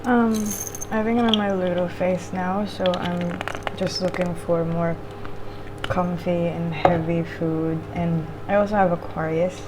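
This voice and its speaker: Low-pitched woman chatting while eating, noisy recording. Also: fairly even intonation, unhurried. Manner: informal, meandering, with casual swearing. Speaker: vlogger eating on camera while reviewing a show. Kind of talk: casual mukbang chat. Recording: clearly audible background noise.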